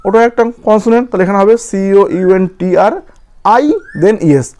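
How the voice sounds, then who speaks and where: Man, grammar teacher, spells letter by letter, mellow tone. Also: high-pitched, a little fast. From West Bengal. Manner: spells words out letter by letter, often asks "clear?". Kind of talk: grammar lesson.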